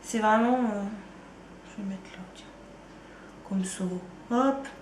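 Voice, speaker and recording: A woman's voice: medium pitch, slow, echoey room, a little hiss or hum. Chatty woman with a slight Ardennes accent. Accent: Ardennes French. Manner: chatty, loose, slangy, trails off with "quoi". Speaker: beauty vlogger. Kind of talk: casual chat.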